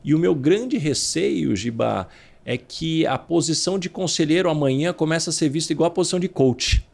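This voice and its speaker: A man's voice: on the high side, normal speed, creaky, darkish tone. A man hosting an interview podcast, speaking frankly and laying out his views in ordered points. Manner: frank, explains in structured points. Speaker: podcast host. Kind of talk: interview conversation.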